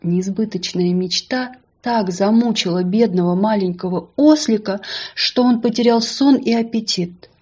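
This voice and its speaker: A woman narrating a children's story in a soft, gentle, unhurried way. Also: mid-range voice, slightly rough, highs cut off.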